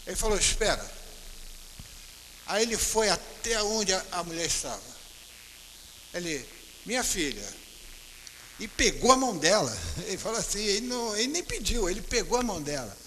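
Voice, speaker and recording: A man with a Brazilian accent giving a religious talk at a spiritist center, retelling anecdotes and slowing down to stress each teaching. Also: sits high, very animated, sharp tone. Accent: Brazilian Portuguese. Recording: hall reverb with faint hiss.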